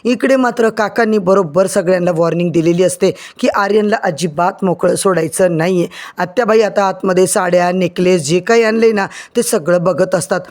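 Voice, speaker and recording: A man narrating a recap of a family TV serial, speaking straight to his viewers in a lively storytelling way. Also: high voice, normal speed, hardly any pauses. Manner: lively, addresses viewers directly.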